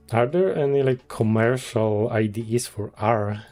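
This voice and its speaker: A man's voice: medium pitch, slow pace, vocal fry, warm tone, faint music behind. A man, chatting casually on a livestream as a game developer, thinking aloud with many restarts and small chuckles. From Poland.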